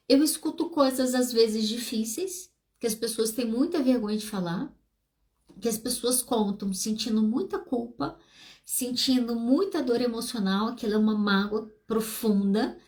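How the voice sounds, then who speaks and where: A Brazilian woman in her fifties, a psychologist hosting a podcast, explains emotions in a monologue and acts out short dialogues. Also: fairly high pitch. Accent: Brazilian Portuguese.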